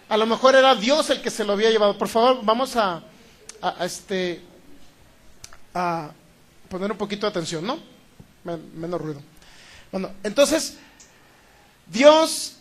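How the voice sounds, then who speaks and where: Loud high-voiced Sinaloan preacher. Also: male voice. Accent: Sinaloan Mexican Spanish. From Sinaloa, Mexico. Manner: loud and emphatic, repeating phrases and checking in with the congregation. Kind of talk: sermon.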